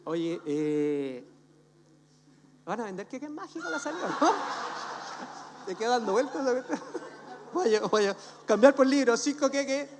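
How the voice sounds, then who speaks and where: Pastor, man, high voice, playful storyteller; church hall reverb. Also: unhurried, pauses often, noisy background. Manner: animated storytelling, jokes, acts out voices. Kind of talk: humorous sermon.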